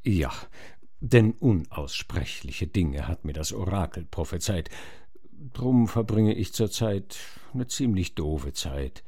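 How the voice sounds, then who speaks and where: A man playing a cocky, slow-witted Oedipus in a comic rhymed performance. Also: low voice, lively intonation, mellow, husky, no echo, studio quality, heavily acted. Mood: gloomy.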